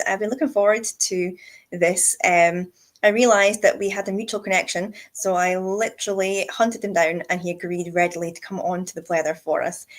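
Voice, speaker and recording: A woman with a Scottish accent and a medium-pitched voice. She hosts in a casual, chatty style, keen and informal, as if on a live chat show. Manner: chatty, enthusiastic. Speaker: host.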